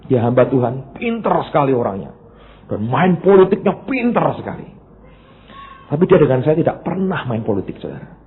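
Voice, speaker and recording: Man preaching with loud and hushed swings. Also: big pitch swings, brisk. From Indonesia. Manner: swings between loud emphatic bursts and low quiet asides. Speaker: pastor. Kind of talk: sermon. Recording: tinny phone-like band, faint noise.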